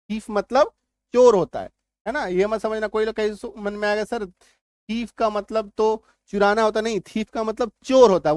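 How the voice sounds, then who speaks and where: A man's voice: sits high, no echo. Repetitive, reassuring male English teacher. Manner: repetitive, reassuring, keeps checking understanding. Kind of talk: spoken lesson explaining spelling rules.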